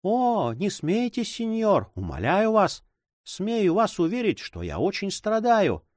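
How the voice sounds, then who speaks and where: A man's voice: on the high side, big pitch swings, normal speed, a little mellow, dry recording, studio quality, pitched above the performer's own voice. A man voicing a sad, stubborn young woman who pleads in a plaintive tone. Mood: pleading.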